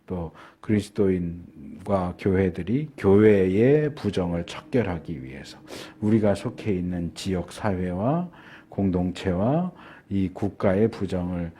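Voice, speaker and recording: Male pastor, middle-aged, sermon, dark mellow tone, husky, unhurried with pauses. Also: sits low, lively intonation. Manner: unhurried preaching with frequent filler pauses and slowed emphasis.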